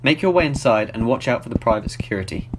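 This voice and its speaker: A man's voice: mid-range voice, expressive, fast, slightly rough. A man playing an exacting professor who directs a covert spy mission in formal, precise briefings. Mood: focused, instructing. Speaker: mission controller. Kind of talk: scripted dramatic acting in a spy film. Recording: background music under the voice.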